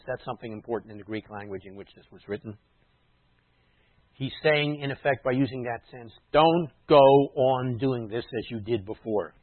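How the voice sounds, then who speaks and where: A man preaching a sermon in a teacherly way, explaining words and dropping into quiet asides. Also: mid-range voice, slightly rough, no room sound. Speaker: messianic rabbi preaching. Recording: dry tinny phone-like sound.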